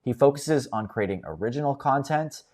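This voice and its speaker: A young man hosting a casual screen-share tutorial, explaining each step in an upbeat, relaxed way. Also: medium pitch, normal speed. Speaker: host.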